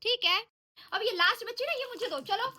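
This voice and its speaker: A woman's voice: extremely high pitch, fairly quick, a crowd in the background. A woman playing the mother in a scripted family vlog skit, scolding and lecturing her child while talking to the viewers. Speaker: mother and vlogger.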